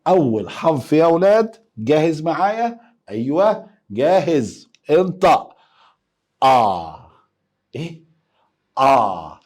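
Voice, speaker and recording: A man with an Egyptian Arabic accent teaching a lively lesson, playfully coaxing students to repeat letters after him. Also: a little high, takes it slowly, long pauses. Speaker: German teacher.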